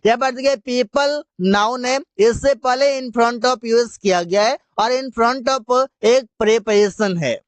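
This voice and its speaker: A man teaches English grammar in a patient, slow way, stretching out each example. His voice sits very high and sounds smooth and clear. The recording is dry and close. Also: no echo. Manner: slow, deliberate, explaining word by word; reads English example sentences very slowly. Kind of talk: Hindi-medium grammar lesson.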